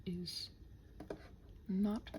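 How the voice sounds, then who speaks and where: A medium-pitched, mellow female voice with fairly even intonation stretches out her words, a little hiss or hum audible in the recording. The channel host mutters scattered thoughts to herself while working in a body-doubling ASMR style, often edging into a whisper, playfully talking to the computer and recounting imagined exchanges.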